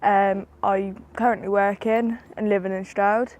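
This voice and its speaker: An eighteen-year-old woman and young mother, speaking in a measured way to camera. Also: mid-range voice, flat delivery, darkish tone, muffled recording. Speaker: care leaver and young mother. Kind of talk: interview to camera.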